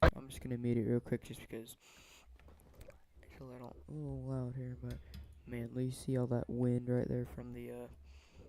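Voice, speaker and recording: A man hosting a live stream, casually commenting on storm chasers with drawn-out awed exclamations. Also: mid-range voice, completely flat delivery, darkish tone, a little hiss or hum.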